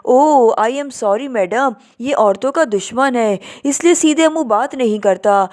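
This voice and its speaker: A woman's voice: on the high side, darkish tone, close to an everyday voice. A woman voicing a young man posing as a secretary, speaking politely and with a smile. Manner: polite, smiling, smooth-talking.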